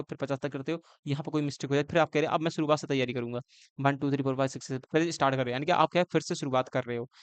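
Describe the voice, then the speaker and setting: A man teaching an exam-prep lesson on idioms. He quizzes himself with questions, mixes Hindi and English, and slows down to spell out each phrase. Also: on the high side, no room sound. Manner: explains with repeated questions and answers; calls students bhaiya.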